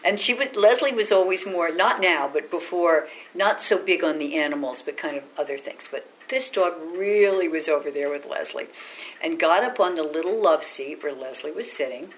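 An older woman being interviewed, telling family memories in a lively, anecdotal way and acting out quoted voices. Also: deep voice, moderate pace, low-quality recording. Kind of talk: oral history storytelling.

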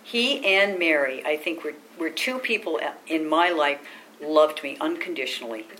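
An older woman being interviewed, telling family memories in a lively, anecdotal way and acting out quoted voices. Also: low voice, moderate pace, slight background noise, poor audio. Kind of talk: oral history storytelling.

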